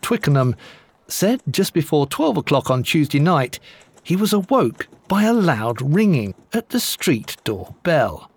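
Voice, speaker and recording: A man reading old newspaper court reports aloud in a measured, lively way with dry wit. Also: medium pitch, dry recording. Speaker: narrator.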